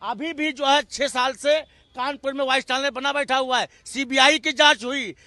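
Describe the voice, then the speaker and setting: High, bright-voiced man arguing heatedly. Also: steady tone, moderate pace, dry recording. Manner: impassioned, rhetorical lists. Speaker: Congress party spokesman. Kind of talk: heated TV debate argument.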